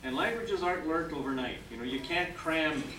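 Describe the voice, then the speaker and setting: Fairly quick and a little high, his intonation lively, an older man from Canada, French by first language, gives an encouraging ceremonial speech to new citizens. He often pauses to ask "okay?". The hall is echoey and noisy, recorded from afar.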